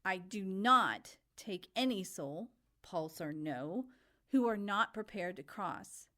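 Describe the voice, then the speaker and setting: A man's voice: high-pitched, animated, takes it slowly, sharp tone, full character voice. A woman voicing an anxious, hospitable male ferryman of souls, fretful at times and formal and grand at others.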